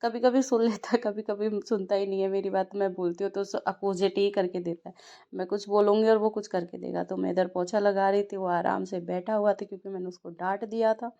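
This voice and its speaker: A woman's voice: mid-range voice, steady tone, a little fast, gravelly, warm tone, highs cut off. A young woman, a mother casually narrating her day at home, chatty and telling stories with small laughs.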